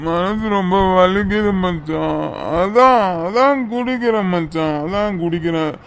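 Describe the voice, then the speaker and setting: A man's voice: high voice, a little slow, a bit bright, slight background noise. A man voicing a drunk, lovesick young businessman in a cartoon, rambling with slurred, giggling talk. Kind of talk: cartoon voice acting.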